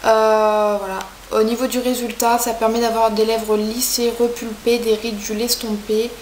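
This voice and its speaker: A woman's voice: fairly high pitch, level tone, moderate pace, darkish tone. A woman in her twenties reviewing beauty products in a casual, chatty way, hesitating often with fillers. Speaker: beauty vlogger. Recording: echoey room, faint hiss.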